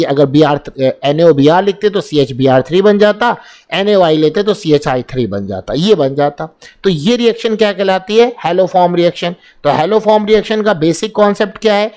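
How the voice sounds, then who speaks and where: Hindi-speaking man teaching chemistry, high voice. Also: darkish tone. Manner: asks and answers his own questions, repeating key terms. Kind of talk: exam-prep lesson explaining reactions.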